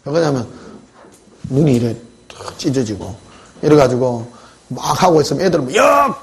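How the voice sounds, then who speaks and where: A man's voice: medium pitch, normal speed, warm tone, a little hiss or hum. A male pastor preaching a sermon in church, telling stories in a conversational way and putting questions to the congregation.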